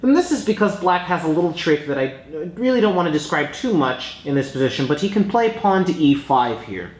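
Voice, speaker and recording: A man giving explanatory chess commentary as an instructor, talking through moves in a measured, informal teaching manner. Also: on the high side, sing-song, reverberant.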